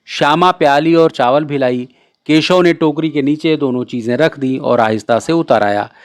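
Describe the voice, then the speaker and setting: A man narrating a classic short story in a measured, clear reading voice. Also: on the high side, no echo, clean studio sound.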